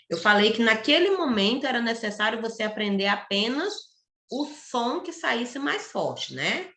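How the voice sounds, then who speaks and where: A woman teacher with a Brazilian Portuguese accent, slowly explaining a lesson to children step by step. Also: medium pitch, sharp tone, roomy sound. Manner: slow, careful, explains step by step.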